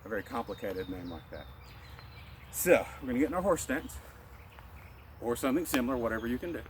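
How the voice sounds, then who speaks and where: A man leads a gentle qigong class, his voice steady in pitch and unhurried as he cues each breath in and out. He gives simple, instructive directions for every movement. Faint outdoor noise with birds sits behind him. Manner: calm, instructive, cueing breaths. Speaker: martial arts instructor.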